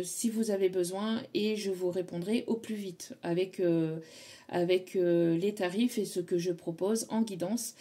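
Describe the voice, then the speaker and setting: Mellow-voiced French woman, hesitant. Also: medium pitch. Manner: hesitant, many fillers and restarts. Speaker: tarot reader. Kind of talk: casual spiritual guidance talk.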